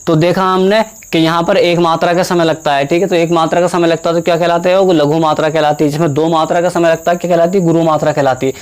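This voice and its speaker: A young male teacher giving a Hindi grammar lesson. He asks the class questions, answers them himself, repeats key terms and draws vowel sounds out slowly to demonstrate them. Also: fairly high pitch, fairly even intonation, clear, resonant tone.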